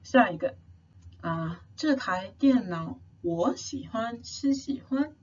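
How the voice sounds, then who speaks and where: A woman's voice: fairly high pitch, lively intonation, slow, a little mellow, husky. A young woman tutoring a language class in a casual, chatty way, full of fillers and playful slang. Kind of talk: casual recorded tutoring lesson. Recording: slightly dull sound with faint noise.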